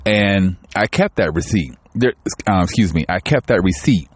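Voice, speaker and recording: A man's voice: low voice, lively intonation, normal speed, slightly rough. A man talking candidly in a home vlog, rambling with many restarts and growing tearful. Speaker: channel host. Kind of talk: casual personal vlog talk.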